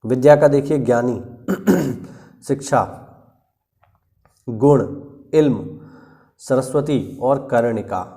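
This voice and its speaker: A male teacher giving an exam-prep lesson, working slowly through lists of words and often clearing his throat. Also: medium pitch, mellow. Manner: slow, deliberate listing with frequent "ठीक है" check-ins.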